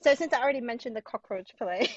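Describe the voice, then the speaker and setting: A woman from Hong Kong, a guest playwright, chats enthusiastically about plays in a casual literary discussion, digressing often and peppering her speech with "like" and "you know." Her voice sits on the high side, and she talks fast and animatedly. There's no room sound, but the recording is distant, dull, and lo-fi.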